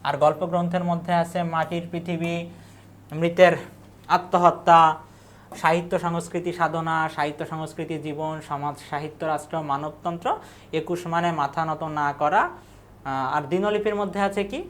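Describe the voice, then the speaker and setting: A woman's voice: low voice, steady tone, moderate pace. A woman teacher, giving an exam-prep lecture. She asks questions and then answers them herself, and she repeats key words and lists.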